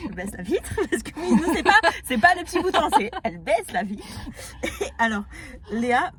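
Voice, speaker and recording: A woman, a vlogger casually telling a story in an animated, indignant way. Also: sits high, moderate pace. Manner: animated, indignant retelling with laughs.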